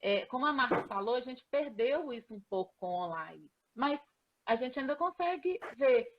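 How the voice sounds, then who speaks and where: A woman, a coach explaining ideas in a live online chat, often pausing on filler sounds. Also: on the high side, dull audio. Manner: explanatory, with frequent hesitation fillers. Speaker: professional coach, guest. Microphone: video call.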